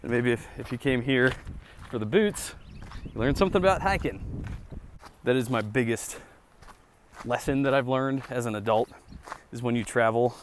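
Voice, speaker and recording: A man's voice: medium pitch, normal speed, long pauses, slight background noise. A man talking in a casual, rambling vlog style, informal and reflective, thinking aloud outdoors on a hiking trail. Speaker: vlogger and boot reviewer.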